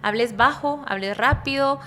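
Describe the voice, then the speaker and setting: Guatemalan lady pastor chatting on a podcast, soft-spoken but lively, kinda high voice, faint hum behind her. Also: moderate pace. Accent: Guatemalan Spanish. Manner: rambling, self-interrupting, constant tag questions; describes herself as speaking softly but energetically. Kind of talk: casual podcast conversation. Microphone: studio podcast microphone, kept at a distance.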